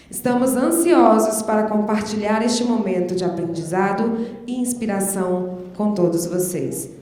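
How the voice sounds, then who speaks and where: A woman announcer reads a formal introduction to open a conference session. Her voice is mellow and rings through a large hall with a long echo. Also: mid-range voice. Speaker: event announcer. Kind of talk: scripted introduction. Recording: echoey hall with long reverb.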